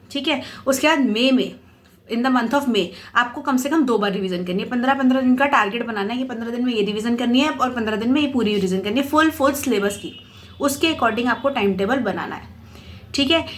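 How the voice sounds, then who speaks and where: Young woman, slightly high voice, casual study-advice vlog, chatty, reassuring, mixes in English words. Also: a little hiss or hum. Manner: chatty, reassuring, keeps checking in with listeners. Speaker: exam mentor for company secretary students.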